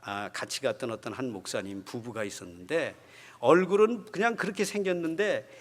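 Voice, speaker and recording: A man preaching a sermon as pastor, moving between quiet storytelling and loud, fervent exhortation. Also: mid-range voice, expressive, brisk. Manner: swings from quiet talk to loud, shouting exhortation. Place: church sanctuary. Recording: long church hall reverb.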